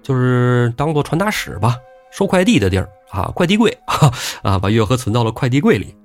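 A man's voice: mid-range voice, big pitch swings, a little fast, faint music behind. A man telling a classic tale comically, with playful, chatty asides. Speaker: storyteller host. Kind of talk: comic oral storytelling.

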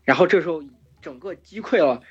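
A hoarse man hosting a podcast, retelling an epic in casual chat, full of fillers and restarts. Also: fairly high pitch, lively intonation, fairly quick. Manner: rambling with many fillers and restarts. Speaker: podcast host retelling myths. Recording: dull lo-fi podcast recording with faint music.

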